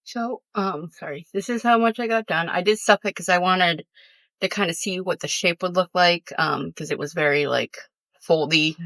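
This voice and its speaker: A woman's voice: on the low side, a bit bright, no room sound. A woman chatting casually at home as a crochet vlogger, rambling with many fillers and self-corrections. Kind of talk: casual chat.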